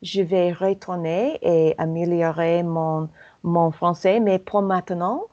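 A slow, deliberate American woman speaks in a slightly low voice, pausing often to search for her words in a language that is not her native one. Her speech is full of fillers and restarts, with the halting feel of a learner in conversation. The audio is dull and lo-fi. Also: fairly even intonation, mellow. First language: English.

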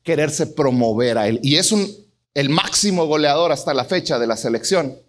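A middle-aged man preaching a sermon, telling stories and acting out voices with big swings in pitch. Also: animated, normal speed. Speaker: pastor.

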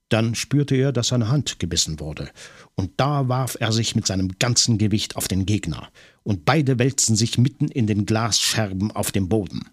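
Low, husky male audiobook narrator. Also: no room sound, clean studio sound. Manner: measured, tense storytelling.

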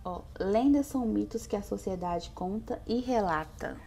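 A Brazilian woman as a podcast guest, talking in relaxed casual chat. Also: mid-range voice, moderate pace, creaky, a little hiss or hum. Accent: Brazilian Portuguese.

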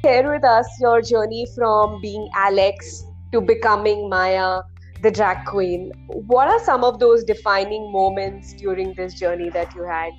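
A woman's voice: mid-range voice, steady tone, unhurried. A woman hosting an interview show, addressing her guest and asking questions in a conversational way. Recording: dull lo-fi audio with music.

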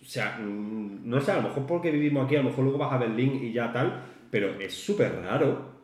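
A podcast co-host with a mid-range voice talks fairly quickly in a casual chat, joking and telling animated stories with put-on voices for quotes. The room has a noticeable echo.

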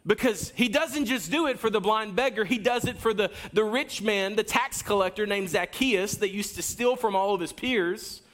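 Man, pastor, high voice, energetic sermon, wide swings in pitch and loudness, talks straight to the congregation. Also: normal speed, hardly any pauses. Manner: addresses the congregation directly, with asides and a coaching tone.

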